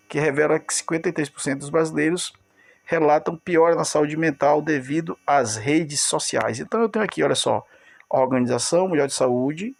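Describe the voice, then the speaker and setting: A man's voice: on the high side, vocal fry. A man teaching a recorded video lesson, explaining step by step, repeating key words and addressing his students directly.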